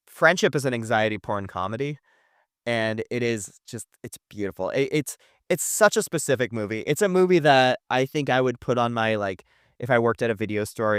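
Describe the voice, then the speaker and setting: A podcast co-host talks through movies with emphatic, gushing enthusiasm and the occasional swear word. His voice is smooth and clear. The sound is dry and close to the mic. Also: on the low side, a bit bright, no room sound. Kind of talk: casual movie review chat.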